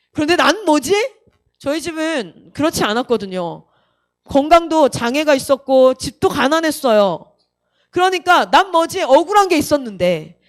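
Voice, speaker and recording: A woman missionary giving her personal testimony to a youth camp. She tells the story with energy, acts out what other people said and keeps asking the audience direct questions. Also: high-pitched.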